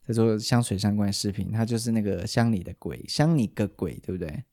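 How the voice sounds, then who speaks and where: A man's voice: lowish voice, fairly quick, warm tone. A man with a Taiwanese Mandarin accent, a podcast host in casual chat who explains at length and often restarts his sentences.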